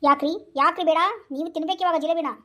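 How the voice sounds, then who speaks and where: A woman plays a bossy young wife in a cartoon, with a North Karnataka accent. The voice is high and fast. She orders her husband around and sweet-talks him for money. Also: steady tone, a bit bright. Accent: North Karnataka Kannada. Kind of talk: cartoon voice acting.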